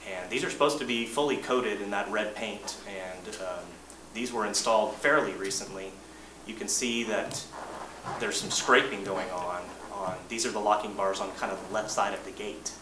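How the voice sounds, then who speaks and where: A man, an engineering manager, presenting updates to a board in a measured, plain-spoken way, often restarting his sentences. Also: on the low side. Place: boardroom meeting. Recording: roomy distant mic, noisy meeting room.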